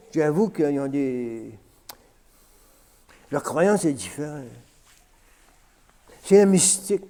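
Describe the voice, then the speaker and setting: A man's voice: fairly high pitch, dark tone. A man with a Québécois French accent rambling casually in an unedited vlog, full of fillers like "hein" and "man". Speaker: vlogger. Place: at home, smoking on camera.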